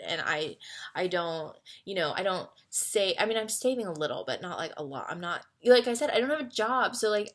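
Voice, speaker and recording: A young woman in her twenties talks through fan questions in a relaxed vlog, her voice bright and clear. She leans on "like" constantly and drifts from bubbly excitement into quiet, earnest advice. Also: mid-range voice. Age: 20s. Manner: chatty, heavy on "like" fillers. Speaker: vlogger answering fan questions. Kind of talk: casual chat.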